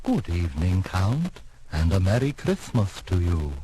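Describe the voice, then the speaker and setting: Slow, low-voiced ghoulish monster master. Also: male voice, very animated, mellow. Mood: genial, ghoulish. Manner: mock-genteel, slow, theatrical. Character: ghoulish monster-maker host, macabre, cheerfully creepy master. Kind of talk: 1960s comedy record acting. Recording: noisy old 1960s record.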